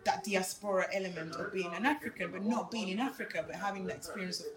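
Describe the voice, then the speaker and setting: A woman's voice: mid-range voice, fast talker, music in the background. A woman with a slight Argentine accent who grew up in Argentina, chatting animatedly in a busy museum exhibit. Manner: animated, explanatory. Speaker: museum visitor interviewee. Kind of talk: casual chat. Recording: echoey hall with crowd.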